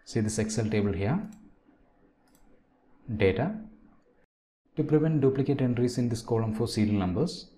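A man with a lowish, soft-edged voice presents a software tutorial. He dictates each step in short, separated phrases. The voice-over has noticeable background noise, with keyboard and mouse clicks. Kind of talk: step-by-step screen tutorial narration. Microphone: voice-over on a screen recording.

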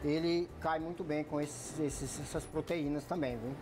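A young man, a chef calmly explaining how his restaurant kitchen works, standing in a large kitchen. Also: a little high, normal speed. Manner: calm, explanatory, with fillers. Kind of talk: explaining kitchen work on camera. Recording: music bed under the voice.

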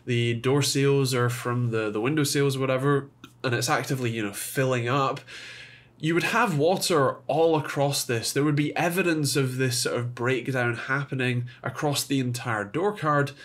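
A man talking through a car repair in a casual how-to, stuffed up from a cold so his voice sounds nasal. He pauses often and fills the gaps with "uh" as he works out his words. His pitch sits in an ordinary middle range. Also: a bit bright. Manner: hesitant, frequent "uh" fillers and restarts. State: has a cold. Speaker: car channel host.

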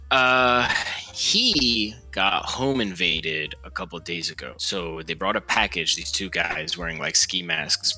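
A man's voice: low voice, pushed and bright. A man from Russia telling a rambling, profane story in casual chat, mimicking others in a raised voice.

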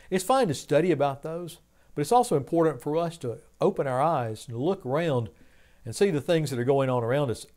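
An older man preaching a sermon from a home study, speaking in a measured, earnest way with rising emphasis on key points. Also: medium pitch, dark tone. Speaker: pastor. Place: home study with bookshelves, indoors.

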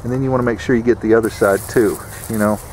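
Outdoors beside an air conditioner unit, a DIY home repair instructor gives a plain-spoken, folksy how-to demonstration, repeating his warnings. His voice is fairly low, steady and darkish, he talks fast, and there's a little hiss or hum.

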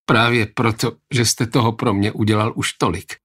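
A man's voice: on the low side, steady tone, a bit bright, slightly rough. A man reading an audiobook, voicing a frightened young male servant who pleads in a shaky voice. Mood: meek.

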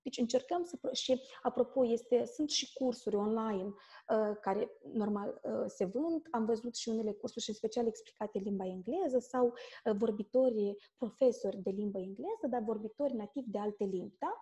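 Mellow-voiced Moldovan woman explaining patiently. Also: on the high side. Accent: Moldovan Romanian. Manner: keeps checking in with a quick "da?". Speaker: English teacher, guest. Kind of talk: explanatory interview talk.

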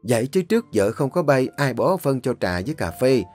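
A man's voice: mid-range voice, very animated, fairly quick, a little mellow, no room sound, soft background music, voice pushed up. A man voicing an elderly woman, a cheerful, stubborn tea farmer. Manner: breathless, shrieking in panic.

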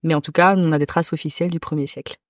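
A woman from Corsica, a podcast guest who reads runes, talking casually with many hesitant pauses. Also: deep voice, fairly even intonation, no echo, clean studio sound. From Corsica, France. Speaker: podcast guest, rune reader. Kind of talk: casual chat.

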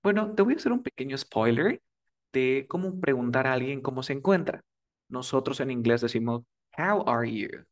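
A man's voice: mid-range voice, fairly quick, far from the mic. A man giving a casual spoken English lesson, repeating words for drills and checking in often. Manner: coaching, repeats words for drills, asks "¿vale?". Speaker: English teacher.

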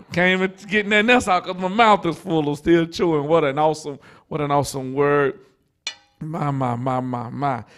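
A man leading praise and giving announcements in a church service, full of excited, repeated exclamations. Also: mid-range voice. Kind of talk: exuberant church service talk. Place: church sanctuary, streamed online.

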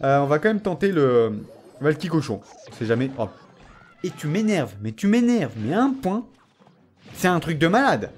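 A man giving casual, excitable commentary on his own game, teasing and mock-threatening his opponent, and saying he is tired. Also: fairly high pitch, normal speed, a little hiss or hum. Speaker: gaming channel host.

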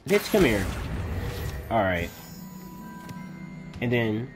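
Slow-talking, excitable gaming YouTuber man. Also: medium pitch, over music. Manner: excitable, chatty, reads game text aloud haltingly. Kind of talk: casual let's-play commentary.

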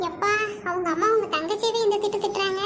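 A woman's voice: extremely high pitch, quick pace, background noise. A woman voicing a nosy, gossipy young girl friend in a cartoon.

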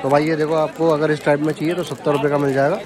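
A man's voice: on the high side, little pitch movement, very fast. A young man vlogging through a busy street market, asking vendors for prices and repeating them to his viewers. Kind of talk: casual walkaround vlog. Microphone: handheld camera, point of view and selfie. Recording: outdoor market crowd noise. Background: crowd chatter.

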